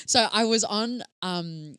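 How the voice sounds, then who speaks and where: A woman's voice: mid-range voice, clear, resonant tone, no room sound. A young woman with an Australian accent, chatting and laughing as a podcast guest. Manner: chatty, laughing, animated storytelling. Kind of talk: casual podcast chat.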